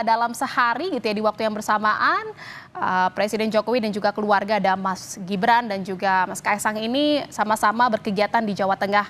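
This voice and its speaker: A woman news anchor introducing a guest and asking questions, lively and prone to small fillers. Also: on the high side. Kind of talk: studio news hosting.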